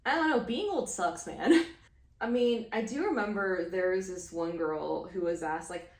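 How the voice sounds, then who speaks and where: A woman's voice: mid-range voice, unhurried, roomy sound, recorded from a distance. A woman of thirty from Houston, chatting casually in a rambling way, full of fillers and small laughs. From Houston, Texas. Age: 30s. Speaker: crochet vlogger. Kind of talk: casual chat.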